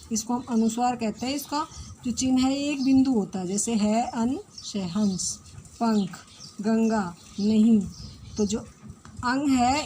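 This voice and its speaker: Indian lady teacher, kinda high pitched, patient, asks the kids then answers herself. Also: mellow, a little hiss or hum. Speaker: primary school teacher. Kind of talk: recorded class lesson.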